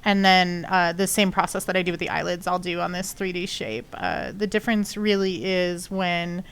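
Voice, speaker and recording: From her home studio in Texas, a state she isn't from, a woman explains her sculpting on a live stream in a fairly low, clean voice at a normal pace. Her nose is sniffly from allergies, and she rambles casually with many fillers.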